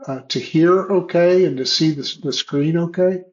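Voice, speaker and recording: Male Q&A host, slightly high voice, halting delivery full of restarts; dull, lo-fi audio with a bad connection that cuts out. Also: a little mellow. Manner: halting, frequent restarts and fillers. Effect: unstable, cutting-out video call connection. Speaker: host of online Q&A session. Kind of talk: casual explanatory talk on a video call. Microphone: video call. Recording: lo-fi choppy online call audio.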